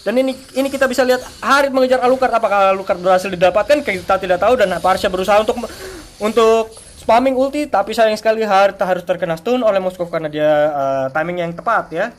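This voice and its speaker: High-pitched, excited male esports announcer. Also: quick pace. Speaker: esports match caster. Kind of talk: excited live game commentary, like a fighting game announcer. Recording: music behind the voice.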